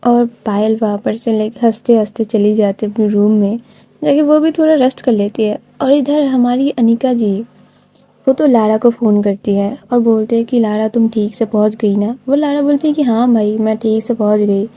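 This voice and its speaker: A woman's voice: on the high side, fairly even intonation, normal speed, dark tone. A woman casually narrating a love story, retelling it in a chatty, informal way with many fillers and acting out the characters' dialogue.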